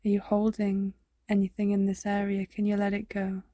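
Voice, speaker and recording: A woman guiding a body scan meditation, speaking softly and soothingly, often slipping into a whisper. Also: medium pitch, monotone, no echo, clean studio sound. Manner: slow, soft, soothing, drifting into whispers. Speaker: meditation guide.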